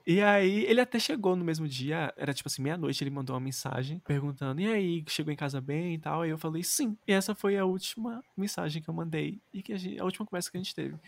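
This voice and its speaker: A young man hosting a podcast, telling stories in an animated, self-mocking way. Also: high voice, gravelly, no echo. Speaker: podcast host. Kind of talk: casual storytelling chat.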